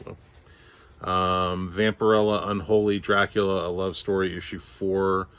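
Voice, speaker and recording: A man from Texas chats casually in a show-and-tell about his comic book haul, rambling with fillers and restarts. Allergies have left his throat hoarse and scratchy. His voice is low-pitched and a bit bright.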